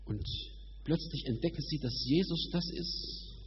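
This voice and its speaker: A man preaching a sermon in a colloquial, emphatic way, stretching and rushing his words for effect. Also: a little high, huge pitch swings. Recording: dull sound in a reverberant hall with faint hum.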